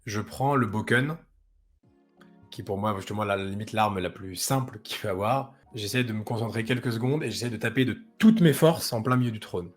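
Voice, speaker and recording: A man's voice: fairly low pitch, a little fast, soft background music. A man playing a tabletop role-playing game, thinking aloud and hesitating as he improvises his character's actions and replies. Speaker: player.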